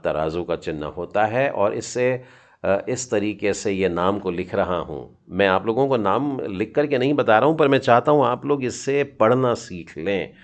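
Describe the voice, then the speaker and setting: A middle-aged man teaching a children's Hebrew lesson, patiently sounding out each letter and encouraging his students. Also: fairly low pitch.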